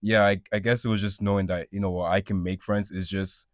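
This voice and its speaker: A young man from Ghana speaks as a panelist, slow and thoughtful, often catching himself mid-word. His voice is very low and flat in melody. The recording is dry and close. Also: no room sound. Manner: slow, thoughtful and self-repairing. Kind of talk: casual panel talk.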